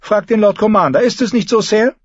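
A man narrates an audiobook in a high, brisk voice with a breathy edge, pushed up to play a cold, sharp queen who condescends to her son. Her tone is imperious, commanding, and cutting. The audio is dry and dull.

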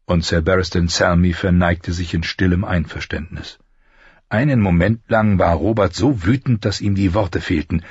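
A man narrating a fantasy novel as an audiobook, in a measured storytelling manner. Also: sits low, a little mellow, husky, no room sound, dull audio.

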